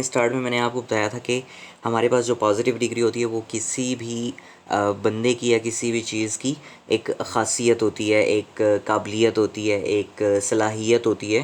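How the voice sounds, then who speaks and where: A man teaching English grammar from slides, explaining slowly and deliberately in Hindi mixed with English phrases. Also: lowish voice. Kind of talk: slide-based grammar lesson.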